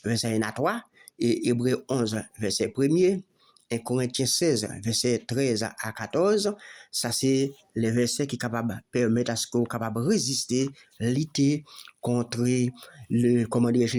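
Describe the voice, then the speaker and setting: A man with a Haitian accent preaching a sermon, halting and repeating words as he lists Bible verses. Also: medium pitch, darkish tone.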